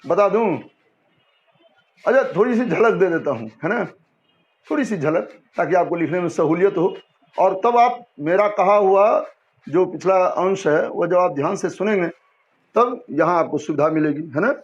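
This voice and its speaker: A man's voice: high voice, lively intonation, moderate pace. A man teaching a Hindi language lesson to students, explaining patiently and often asking and answering his own questions. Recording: dull lo-fi sound.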